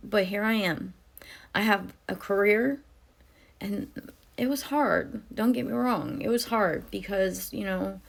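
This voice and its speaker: A woman's voice: mid-range voice, gravelly. A tearful woman giving an earnest, emotional spiritual testimony, speaking to her viewers and filling her talk with "you know". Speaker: spiritual vlogger. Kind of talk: personal testimony to camera.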